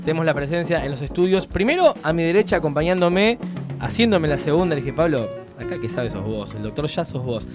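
A man's voice: on the high side, animated, brisk. A young Argentine-accented man hosts a casual radio interview on a close studio microphone. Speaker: radio host. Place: small padded radio studio. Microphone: close studio microphone with headset. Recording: faint guitar music behind.

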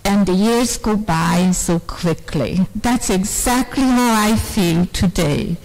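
At a lectern in a large hall, an older woman from Serbia speaks earnestly to a women's conference through a stand microphone. Taking it slowly in a medium-pitched, slightly mellow voice, she shares her story in English, which isn't her native language.

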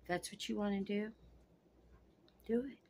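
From her couch in a small home room, a sixty-something woman talks straight to the camera in a casual vlog, blunt and freely cussing. Her mid-range voice has a darkish tone at normal speed. A little hiss or hum can be heard.

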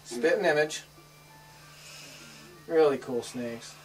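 A woman's voice: rumbling low, slow pace, darkish tone, soft background music. A woman hosting a casual family home video, chatting upbeat and coaxing the kids along as she shows things off. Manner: upbeat, coaxing the children on camera. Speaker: host showing a family snake collection. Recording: distant home camera audio, light hiss.

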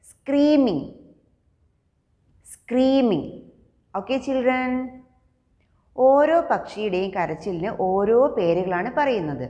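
A woman with a Malayali accent teaching young children English, speaking slowly and repeating each new word. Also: medium pitch, darkish tone, long reverb tail, lo-fi sound. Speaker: primary school English teacher. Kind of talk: slow classroom lesson for young children.

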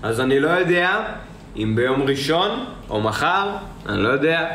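A man's voice: on the high side, lively intonation, a bit bright, roomy sound, slight background noise. Young man rambling on a live stream. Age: young adult. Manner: rambling, repeats himself, answers viewers. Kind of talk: casual live-stream chat, reading comments aloud.

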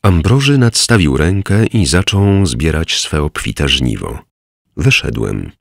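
A man narrating an audiobook in a measured, descriptive way. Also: very deep voice, expressive, gravelly, no echo, clean studio sound.

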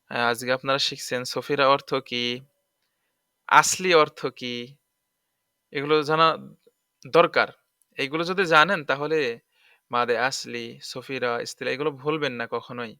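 A male Quran teacher gives an online tajweed lesson in a bright, ringing voice. He explains quickly, then slows down and stresses each letter as he spells it out. The sound is dry and close, with no room echo. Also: mid-range voice, smooth.

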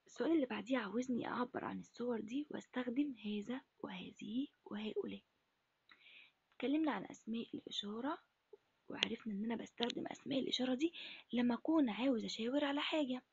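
A woman teaching Arabic to first graders in an Egyptian accent, asking questions and answering them herself in a breathy, half-whispered voice. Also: fairly high pitch, fast, a little mellow, no echo, dull audio. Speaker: primary school Arabic teacher. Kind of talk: recorded lesson for first graders.

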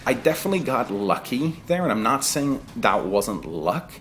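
This gaming video creator, an English-raised man in his thirties, talks over his gameplay conversationally and keeps drifting off on tangents. He speaks at a normal pace with a sing-song, fairly bright medium-pitched voice, and a little hiss or hum sits under the audio.

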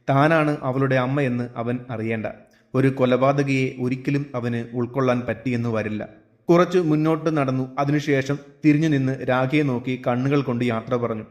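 Guy reading a novel aloud, steady storyteller, middle pitch. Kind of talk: storybook narration.

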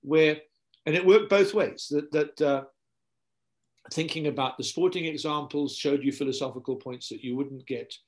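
A man's voice: on the high side, normal speed. Older man telling stories on a video call. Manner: animated storyteller, repeats words while thinking. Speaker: guest philosopher. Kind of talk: casual interview on a video call. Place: home study with bookshelves. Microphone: video call laptop mic.

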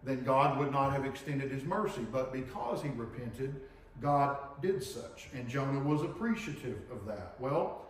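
A man's voice: mid-range voice, lively intonation, a little slow, recorded from a distance. A middle-aged man preaching a sermon in a conversational teaching manner, often checking in with his listeners. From Tennessee, US. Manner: conversational teaching, frequent "okay?" and "right?" checks. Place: church sanctuary with projector screen. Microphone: room mic from far camera. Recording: very echoey church from afar.

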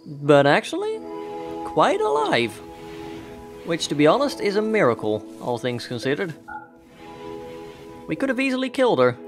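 A man's voice: on the high side, wildly swooping pitch, normal speed, long pauses. A young man casually commentating his gameplay in a chatty, upbeat way, thinking aloud as he plays. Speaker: let's play host. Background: background game music.

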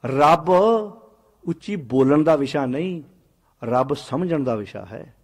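A man preaching a Sikh sermon, swinging between loud exhortation and low quiet asides, and slowing to chant verses of scripture. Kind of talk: Punjabi sermon with sung scripture.

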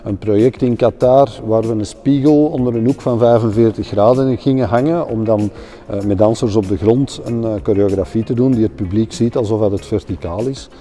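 A middle-aged Flemish man hosts and narrates, chatting easily about designing events. His voice is very dark and mellow, and it sits fairly low. Soft music plays quietly behind him. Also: a little fast. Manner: relaxed, conversational. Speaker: event designer, series host. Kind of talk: documentary interview and narration.

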